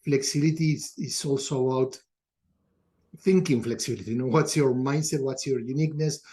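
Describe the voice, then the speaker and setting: This podcast guest, a culture consultant, is a middle-aged man from Argentina whose Argentine Spanish accent comes through. His medium-pitched voice is brisk and warm as he gives thoughtful, conversational answers.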